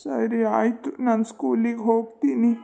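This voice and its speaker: A man's voice: extremely high pitch, level tone, moderate pace, creaky, mellow. A man voicing a young boy who is a devoted older brother, speaking earnestly in a dull, lo-fi recording. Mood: resigned. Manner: earnest, pleading.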